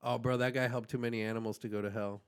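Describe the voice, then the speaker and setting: A man co-hosting a podcast, answering with deadpan comebacks and playful teasing in casual banter. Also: mid-range voice, very fast, clean tone. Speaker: podcast co-host.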